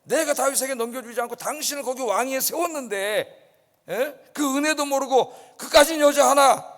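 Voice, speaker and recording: Proud, furious male commander, as a preacher puts him on, high-pitched, with defiant shouted retorts and a long hall echo. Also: normal speed. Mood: indignant. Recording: long church hall reverb.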